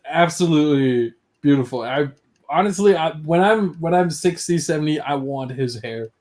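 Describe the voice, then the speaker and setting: A man's voice: fairly high pitch, lively intonation, normal speed, a little mellow. A young man in his twenties co-hosting a casual livestream chat, hesitant and stammering, laughing often. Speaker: co-host.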